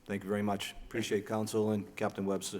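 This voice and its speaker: A man chairing a city license commission hearing, formal and procedural, with halting fillers and restarts, in a courtroom-style recording from a public chamber. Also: on the low side, completely flat delivery. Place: city hall meeting chamber. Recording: reverberant chamber with faint background noise.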